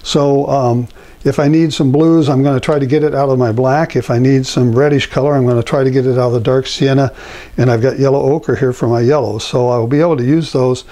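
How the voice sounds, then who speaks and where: In his home studio, wearing a lapel mic, an older painting instructor chats his way through a relaxed, drifting demo at the easel with plenty of fillers. His medium-pitched delivery runs fairly quick.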